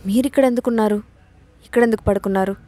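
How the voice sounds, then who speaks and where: A woman voicing a quick-tempered, childlike young bride in a storybook reading. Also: mid-range voice, steady tone, warm tone, lightly acted. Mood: fiery, petulant.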